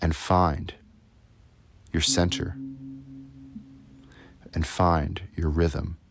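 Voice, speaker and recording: A man's voice: a bass voice, little pitch movement, drawn-out words, slight background noise. A man leading a guided meditation as host, speaking solemnly in short, emphatic, repeated phrases. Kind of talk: guided meditation, spiritual monologue. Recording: loud music under the voice. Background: loud instrumental music.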